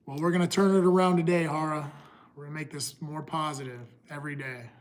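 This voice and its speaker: A middle-aged man talking casually to his livestream viewers, pausing and restarting often. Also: on the high side, steady tone. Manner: halting, restarts often, talks to chat. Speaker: livestream host.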